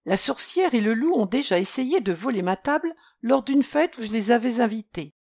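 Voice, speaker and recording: A woman voicing a hungry, quick-tempered male ogre in a storybook reading, demanding and threatening. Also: on the high side, animated, a little mellow. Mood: complaining.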